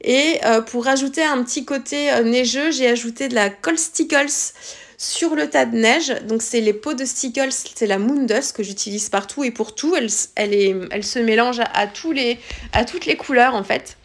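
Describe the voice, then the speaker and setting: Lady walking through her scrapbook craft, kinda high voice, lots of ums and restarts. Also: normal speed. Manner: hesitant, many fillers and restarts. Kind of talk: casual craft tutorial narration.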